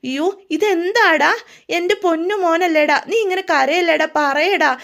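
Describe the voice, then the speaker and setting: A woman's voice: very high voice, normal speed, gravelly, a bit bright, pitched above the performer's own voice, full character voice. A woman voicing a distressed older mother begging her son to share his pain, pleading and emotional.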